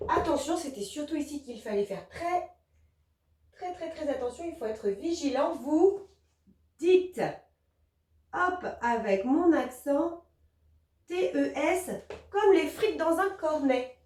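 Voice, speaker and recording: Woman teacher, high bright pitch, gentle and encouraging, roomy echo, a little far from the mic. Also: animated. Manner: gentle, encouraging, spells out letters slowly. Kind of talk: explaining a grammar lesson to children.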